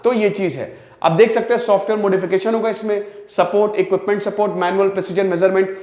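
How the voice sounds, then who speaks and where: A man's voice: high voice, fairly even intonation, fast talker, a little mellow. Chatty man lecturing, echoey room. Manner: conversational, rhetorical questions, frequent "dekhiye" and "theek hai". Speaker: current affairs teacher. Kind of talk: explanatory exam-prep lecture.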